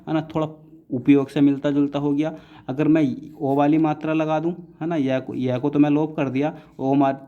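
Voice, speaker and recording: A patient man teaches shorthand in a classroom lesson on writing rules, repeating himself, checking in with students often, saying "है ना" again and again, and calling them "बेटा". His voice is medium-pitched and mellow, though the audio sounds dull.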